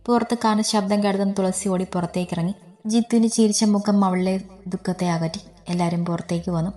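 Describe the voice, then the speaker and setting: A woman narrating a romance story in a calm, measured, scripted reading. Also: medium pitch.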